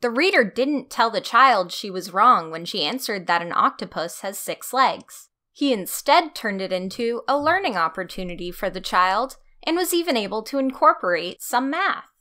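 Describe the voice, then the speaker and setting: A woman's voice: mid-range voice, expressive, normal speed, few pauses, sharp tone. A woman giving scripted instructional narration for a training video.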